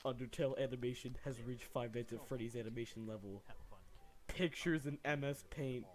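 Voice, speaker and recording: A man's voice: medium pitch, fairly even intonation, a little fast, slight background noise. A man giving exaggerated, theatrical and incredulous commentary as the host of a reaction video.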